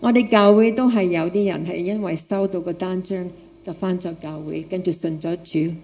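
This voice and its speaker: Foreign lady preaching in cantonese w/ a non-native accent, soft dark tone, repeats stuff to drive it home. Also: fairly low pitch, fairly even intonation, normal speed. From outside Hong Kong, a foreigner. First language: not Cantonese. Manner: repeats phrases for emphasis, asks the listeners questions. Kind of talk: sermon with personal testimony.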